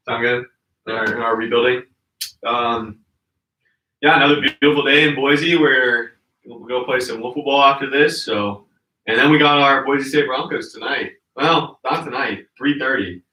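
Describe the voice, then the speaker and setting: A man's voice: mid-range voice, bright, forceful tone, roomy sound, distant mic, low-quality recording. A man hosting a sports podcast in casual, rambling chat with lots of fillers. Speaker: podcast host.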